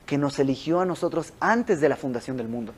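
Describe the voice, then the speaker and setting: Animated Mexican man teaching Bible study. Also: medium pitch, fairly quick, slightly rough. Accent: Mexican Spanish. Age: young adult. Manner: conversational, animated storytelling with quoted dialogue. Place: house. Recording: home recording with audio flaws.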